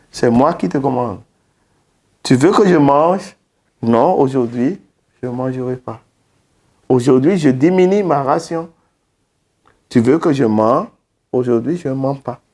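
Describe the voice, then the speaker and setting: Slow, mellow-voiced preaching priest. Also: male voice, medium pitch. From Benin. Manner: slow, preacherly delivery with emphatic rises. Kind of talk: interview statement.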